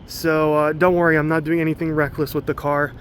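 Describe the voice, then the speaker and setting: Guy filming his car on his phone outside, kinda high voice, rambly, bit out of breath, faint noise around. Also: level tone, a little fast. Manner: rambling, loose, many fillers. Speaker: car vlogger. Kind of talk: casual car walkaround.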